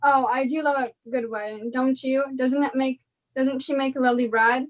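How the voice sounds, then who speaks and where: A woman's voice: high-pitched, steady tone, moderate pace, lightly acted, low-quality recording. A young woman voicing a gushing, gossipy woman at a wedding in a school play reading. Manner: gushing, chattery.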